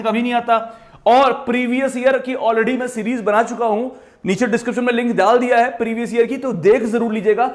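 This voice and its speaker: High-pitched guy teaching exam maths, punchy and repetitive, bits. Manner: emphatic, repetitive, addresses students directly. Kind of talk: exam-prep lesson.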